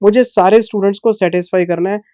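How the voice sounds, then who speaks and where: A man teaching accounting who explains his course to students. He speaks slowly and patiently, and addresses them in a fatherly way. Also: high voice, fairly even intonation, dark tone, smooth, no room sound, studio quality. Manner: deliberately slow, patient delivery; fatherly, calls students "son".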